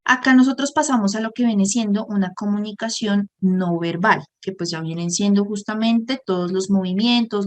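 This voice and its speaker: A woman, teaching a workshop lesson on speaking skills in an explanatory way, often pausing to give examples. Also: mid-range voice, darkish tone. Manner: explanatory, often pauses on "por ejemplo". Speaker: communication workshop instructor. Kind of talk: online lesson.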